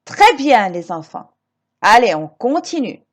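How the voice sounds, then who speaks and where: Slow, lively-voiced woman teacher. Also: fairly high pitch. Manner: slow, emphatic, repeating each example sentence; encouraging pupils with direct questions. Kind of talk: recorded grammar lesson for children.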